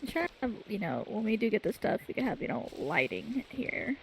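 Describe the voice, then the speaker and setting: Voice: mid-range voice, sing-song, a little fast, vocal fry, a little hiss or hum, rough recording. A casual gaming partner chatting through a co-op game, dry and teasing.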